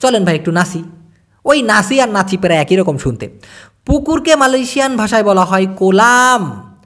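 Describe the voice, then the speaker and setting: Guy teaching words on video, really animated up and down voice, slows way down to repeat stuff. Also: sits high. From Bangladesh. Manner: repeats words slowly for learners, chatty asides. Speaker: language teacher. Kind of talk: casual video lesson.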